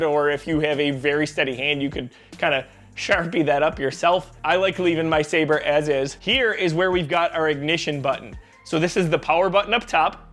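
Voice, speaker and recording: A man's voice: fairly high pitch, fairly bright tone. Upbeat man hosting a product review. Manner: upbeat, enthusiastic, jokey. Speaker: product reviewer and channel host.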